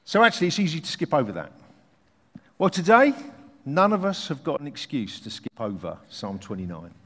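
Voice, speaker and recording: A man preaching a sermon in a conversational, joking way with rhetorical questions, his voice a little croaky. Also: on the high side, big pitch swings, fairly quick, a bit bright. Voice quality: slightly croaky morning voice. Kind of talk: sermon to a congregation. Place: large hall, speaking to a congregation. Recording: reverberant hall.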